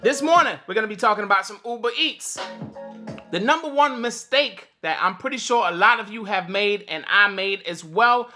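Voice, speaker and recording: A man with a high, sharp-toned voice runs a relaxed morning livestream for delivery drivers, calling out viewers by name and laughing a lot. He speaks at normal speed, his voice slightly cracked, with faint music behind him.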